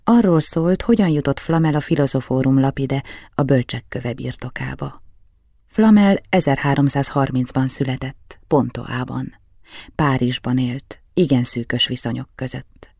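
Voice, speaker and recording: Gravelly male audiobook narrator. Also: mid-range voice, a little mellow, dry recording, studio quality. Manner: measured, storytelling. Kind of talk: scripted narration.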